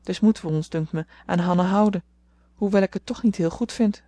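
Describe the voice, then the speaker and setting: Earnest bossy big sister, steady voice, a woman reading her. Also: medium pitch, a little fast, no room sound, natural voice. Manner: earnest, commanding. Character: sensible bossy eldest sister.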